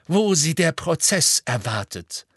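A man's voice: fairly high pitch, sing-song, unhurried, breathy edge, dry recording, clean studio sound, pitched above the performer's own voice, heavily acted. A man voicing a blustering, gloating middle-aged male minister who barks his lines in an audiobook reading. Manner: shouting, barking, gloating.

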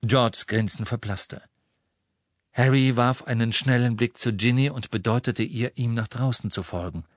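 A man narrating an audiobook in a calm, measured way. His mid-pitched voice is recorded close and dry. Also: no echo. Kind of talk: scripted narration.

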